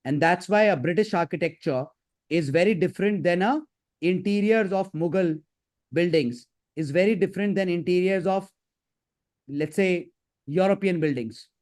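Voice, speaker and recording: A man with an Indian accent giving live career advice as a counsellor, in a brisk, instructive and emphatic manner. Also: high-pitched, darkish tone. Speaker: career counsellor hosting a session. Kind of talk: live advisory session.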